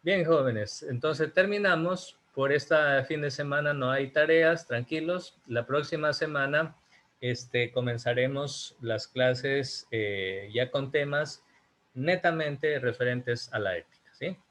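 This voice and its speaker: A man's voice: mid-range voice, takes it slowly, a bit bright. A man from Ecuador, teaching an online class over a video call and speaking emphatically, putting rhetorical questions to his students.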